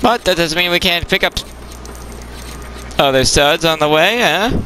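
A man's voice: a little high, lively intonation, unhurried, bright, forceful tone, a little hiss or hum, rough recording. A man hosting a gaming video with casual, wry and jokey play-along commentary. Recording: game music behind the voice. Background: video game music.

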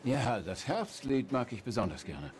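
A man's voice: medium pitch, very animated, moderate pace, a little mellow, a little hiss or hum, close to an everyday voice. Middle-aged army colonel in a war game, formal and clipped, played by a man. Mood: courteous. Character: middle-aged stern male German officer.

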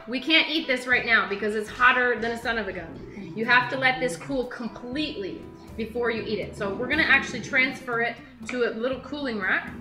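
A woman in her thirties hosts a home cooking video from her kitchen, chatting enthusiastically and praising the food as she walks through each step. Her voice is a little high, with a roomy sound and a rough recording.

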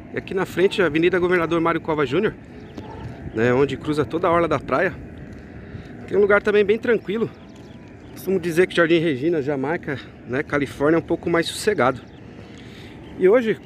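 A man's voice: a little high, slight background noise. A man, chatting casually to viewers while walking a market and a beach, recorded on a handheld phone outdoors. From Brazil. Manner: chatty, keeps addressing viewers as friends. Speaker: vlogger.

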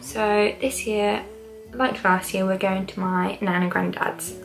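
A young British woman talks casually to camera at home. Her medium-pitched voice has plenty of vocal fry, and music plays clearly behind her. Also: steady tone, takes it slowly, rough recording. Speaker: vlogger. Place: small living room at home, indoors. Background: background music.

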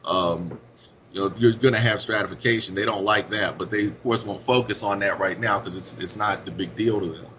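A man's voice: brisk, a bit bright. Male podcast co-host; rambling, filler-heavy delivery; lo-fi muffled sound. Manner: rambling, many fillers, drops into low mutters. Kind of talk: casual podcast discussion. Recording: dull lo-fi audio with faint hiss.

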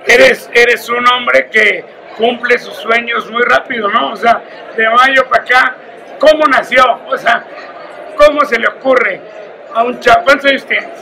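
A man's voice: very high voice, steady tone, a little slow, vocal fry, sharp tone, low-quality recording. A man hosting a show, interviewing a guest in a chummy, joking, curious way at an indoor event. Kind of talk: casual interview. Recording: background noise.

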